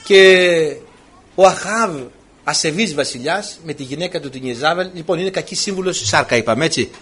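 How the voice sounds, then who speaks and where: A man's voice: a little high, fairly bright tone, husky. A man preaching a sermon, retelling old stories with animation and acting out the lines of the people in them.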